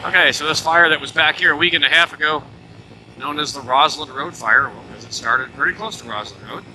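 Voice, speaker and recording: A man chatting casually and haltingly to viewers from inside a motorcycle helmet, in an unhurried, folksy way. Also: a little high, vocal fry, pushed and bright, slight background noise, rough recording. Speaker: motorcycle vlogger, host. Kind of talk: casual vlog chat while riding.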